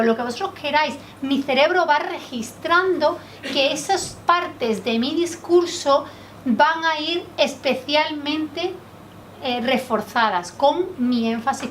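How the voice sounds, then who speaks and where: A woman from Spain leading a public speaking workshop in a training room, lively and quizzing the group with questions. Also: high voice. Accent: Spanish from Spain. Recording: distant mic, faint background noise.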